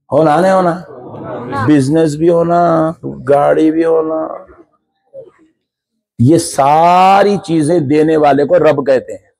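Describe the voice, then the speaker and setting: A man's voice: on the high side, dry recording. A man preaching a sermon to a gathering, listing things in rhythmic repetition and building to impassioned cries. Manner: rising into impassioned shouted crying-out. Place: large gathering with live crowd.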